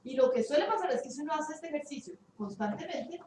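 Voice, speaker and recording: A woman with a fairly high voice tells the group a story. She hesitates and hunts for words as she goes. She is heard from across an echoey room with faint hiss. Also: animated, darkish tone, distant mic. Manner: halting, searches for words. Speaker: workshop participant. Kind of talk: retelling an anecdote in class.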